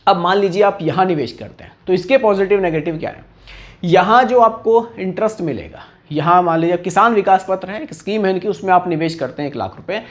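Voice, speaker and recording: A man giving a casual explainer on investments, talking conversationally and often checking in with the listener. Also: high voice. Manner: conversational, repeats "theek hai" and "bhai" often. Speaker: personal finance explainer.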